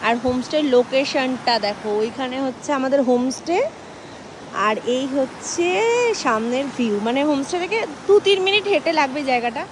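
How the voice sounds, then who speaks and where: A woman's voice: high voice, brisk. A woman vlogging her hill trip, chatting to viewers as she shows food, rooms and views. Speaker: travel vlogger. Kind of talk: casual travel vlog narration. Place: outdoors in hills and indoors at homestays. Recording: phone vlog with clear ambient noise.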